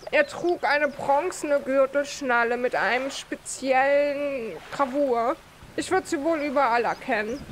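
A woman reading aloud the lines of a grieving fisherman father in a video game, slow and subdued. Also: high voice, slight background noise. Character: grieving middle-aged fisherman father, mournful.

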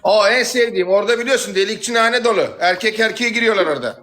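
Loud, bright-voiced rowdy male streamer. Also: sits high, fast talker. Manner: loud, teasing, bursts into shouting. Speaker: livestream host. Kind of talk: rowdy livestream banter.

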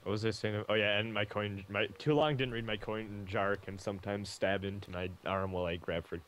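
A young man chats on a game stream in a slightly low voice. He rambles, swears freely and laughs along with the others. A faint hum of noise sits under his voice call. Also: fairly even intonation, a little fast, fairly bright tone. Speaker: guest co-streamer. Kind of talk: casual chat on a game stream.

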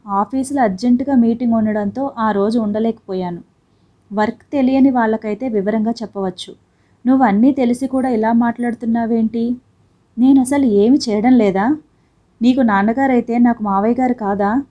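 A woman's voice: fairly high pitch, steady tone, moderate pace, mellow, muffled recording, close to an everyday voice. A woman reading the part of a proud young working wife who argues back sharply and indignantly.

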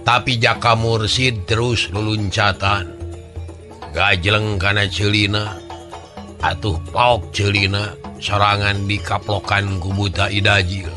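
This Sundanese-accented man tells a folk tale the dramatic oral way, his tone level throughout. He speaks slowly in a fairly low voice, and soft music lingers in the background.

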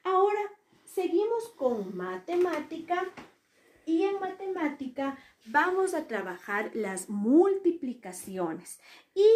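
A woman teacher with an Ecuadorian Spanish accent leads an online lesson for small children. Her voice sits high and swings widely, and she stresses each syllable as she models words. The sound carries a noticeable room echo. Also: a little mellow. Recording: echoey room.

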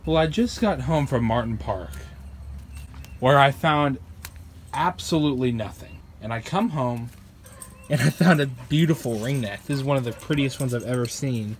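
A young adult man with a mid-range voice and a moderate pace narrates a wildlife vlog outdoors in woods and by ponds. Holding a phone at arm's length, he speaks casually and enthusiastically, calling animals "buddy," with background noise in the handheld recording.

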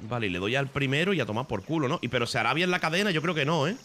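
Fast-talking man from Spain, rowdy. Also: medium pitch, a little hiss or hum. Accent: Spain Spanish. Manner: excitable, swears a lot, bursts into shouts. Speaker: streamer. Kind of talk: casual gameplay commentary.

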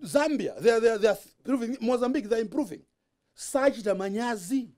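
Malawian man, quick and high-voiced, emphatic studio panelist, repeats himself. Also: expressive, a little mellow. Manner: emphatic, mixes English into Chichewa, repeats phrases. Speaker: panelist on a current affairs show. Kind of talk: animated political discussion.

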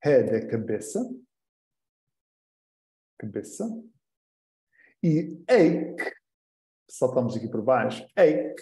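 A man teaching English phrases in an online lesson, repeating each phrase slowly for practice. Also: medium pitch, mellow, roomy sound.

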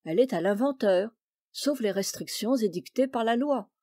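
Woman voicing stern male commissioner, formal, lecturing, mellow, dry. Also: a little high, animated, normal speed, dry recording. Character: stern middle-aged male maritime commissioner.

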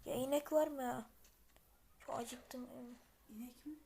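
High gravelly woman muttering over a game. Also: fairly even intonation, unhurried, slight background noise. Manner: mutters to self, then yells in panic. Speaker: gameplay video maker. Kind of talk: casual gameplay commentary.

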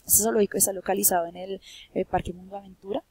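Young Bogotá woman, English teacher, husky, dry close mic, bilingual lesson with questions to the class. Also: mid-range voice, little pitch movement, quick pace, dark tone, dry recording, rough recording. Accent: Bogotá Colombian Spanish. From Colombia. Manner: says each point in English, then repeats it in Spanish; lifts her voice on quiz questions.

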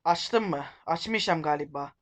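A man's voice: a little high, slow. A man hosting a casual let's-play, rambling, joking and correcting himself as he goes. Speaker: gaming video host.

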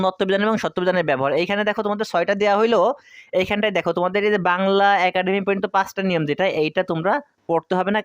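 Rapid-fire tutor man. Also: sits high, no echo. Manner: rapid, repeats key points, asks and answers own questions. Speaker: exam tutor. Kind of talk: fast exam-prep lesson.

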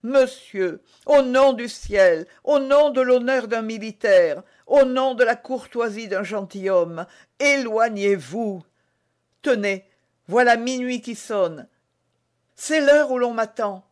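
A man's voice: extremely high pitch, slow, pitched above the performer's own voice. A man with a French accent voicing an anxious, secretive young woman in an audiobook, pleading and urgent. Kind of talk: audiobook reading.

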